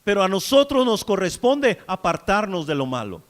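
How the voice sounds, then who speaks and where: A man preaching a sermon, shifting between loud, pleading prayer and quiet, hushed storytelling. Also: high-pitched, very animated, moderate pace, long reverb tail. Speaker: pastor.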